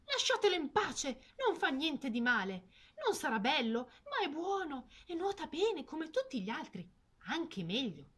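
A woman's voice: sits high, expressive, slow, voice pushed up. A woman voicing a protective, proud mother duck in a storybook reading. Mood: defensive.

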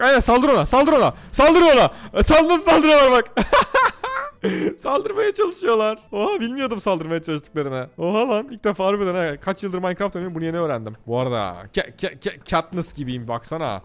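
Excitable fast-talking man gaming commentary. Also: fairly high pitch. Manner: excitable, talks to himself and the game. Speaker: gaming YouTuber. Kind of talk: live gameplay commentary.

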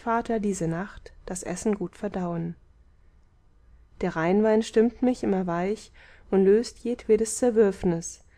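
A woman narrating an audiobook of rhymed verse in a calm, rhythmic reading. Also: medium pitch.

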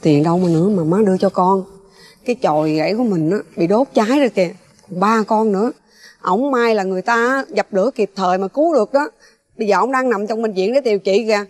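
A woman's voice: medium pitch, fast, natural voice. A woman playing a worried middle-aged rural mother with a Southern Vietnamese accent, speaking anxiously and pleadingly in a TV reenactment drama. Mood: distressed. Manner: pleading, anxious, soft-spoken.

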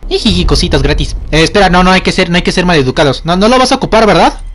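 A man's voice: sits high, lively intonation, rapid-fire, fairly bright tone. A young man with a Mexican accent doing let's play commentary, joking in slang and easily startled. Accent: Mexican Spanish. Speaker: gamer. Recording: game music playing behind.

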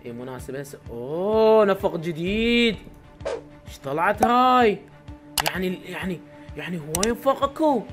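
A young man with an Iraqi Arabic accent, giving excitable live commentary to his viewers while playing a game, with sudden loud exclamations. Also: high voice, normal speed, over music. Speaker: gaming YouTuber.

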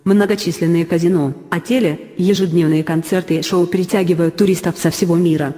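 A text-to-speech robot voice reading an encyclopedia article aloud, with even, mechanical delivery that reads bracket notes out as words. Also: mid-range voice, a little fast, big-room sound.

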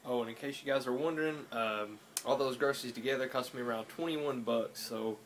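Here a nineteen-year-old fitness vlogger chats into his phone camera up close, indoors at home, in a relaxed, rambling way full of "uh" fillers. His voice is medium-pitched, a bit bright and a little fast, with a faint hiss or hum on the recording.

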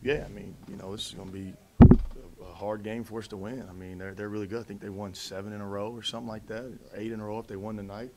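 Low-voiced coach, measured, faint hiss. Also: male voice, little pitch movement, dark tone. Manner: measured, many fillers and restarts. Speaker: head basketball coach. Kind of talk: post-game press conference. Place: press conference room in front of a backdrop. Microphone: table mic in front of him.

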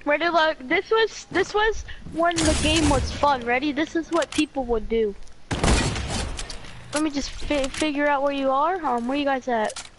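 A woman chatting casually and trash-talking playfully during an online game. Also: sits high. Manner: playful trash talk, quick bursts. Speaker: gamer. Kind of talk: casual gaming chat. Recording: noisy game audio behind.

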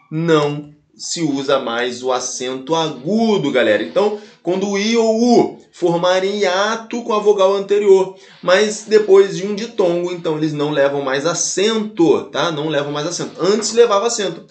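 In an echoey, bare-sounding room, a Brazilian man teaches Portuguese grammar in a fairly high voice with a Brazilian Portuguese accent. Animated, he speaks straight to his students and slowly repeats and spells out every example for emphasis.

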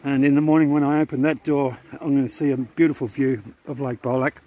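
The Aussie vlogger, a middle-aged man holding his camera at arm's length by a lakeside campsite, talks fast in a mid-range voice. His narration is laid-back and chatty, and the sound is lo-fi.

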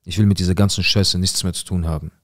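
A man voicing his agitated middle-aged father, loud and shouting as he retells the scene. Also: low voice, fairly even intonation, fast talker, no echo, studio quality, close to an everyday voice. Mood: stubborn determined. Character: enraged middle-aged father under pressure.

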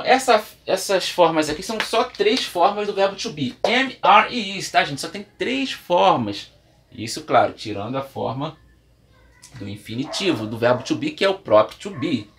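A slightly high, fairly bright-toned man with a Brazilian Portuguese accent leads an English lesson at a whiteboard, writing and erasing while he explains patiently with step-by-step examples. A little hiss or hum runs under the recording.

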